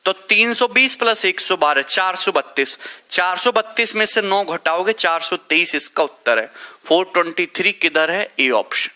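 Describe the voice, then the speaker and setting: A man's voice: high-pitched, animated, moderate pace, sharp tone. A male math teacher, leading a live online class, working through sums step by step and teasing students by name.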